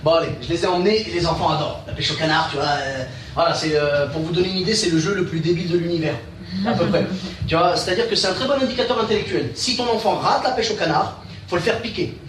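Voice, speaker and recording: Brief: quick-talking male comedian with a high voice, chatty stand-up storyteller, roomy distant live recording with noise. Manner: chatty storytelling, addresses the audience with asides. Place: comedy bar stage.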